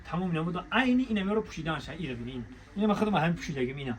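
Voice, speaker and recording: Higher-voiced Tajik man hawking like a bazaar merchant. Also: animated. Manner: bazaar merchant's hawking, repetitive calls to come, look and buy. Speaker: shop promoter presenting clothing deals. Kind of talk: spontaneous sales patter on a shop walk-through. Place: inside a large clothing shop. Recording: busy crowd noise around the voice.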